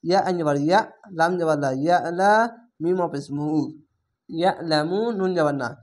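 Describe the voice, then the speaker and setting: Syllable by syllable, a male reading teacher works through the lesson, dividing each word into parts and lengthening its vowels. He patiently repeats instructions in a plain, unhurried teaching voice that is a little high, steady in tone, and somewhat dark.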